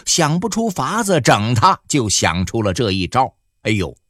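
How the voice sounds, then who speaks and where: A man narrating an audiobook in a colloquial, animated storytelling manner. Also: mid-range voice, normal speed, no echo, studio quality.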